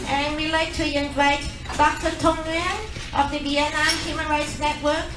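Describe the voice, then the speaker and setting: High-pitched woman announcing in a noisy hall. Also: flat delivery, normal speed. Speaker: event host presenting awards. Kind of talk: award ceremony announcement. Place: large indoor dinner event. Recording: very noisy echoey banquet hall, distant mic.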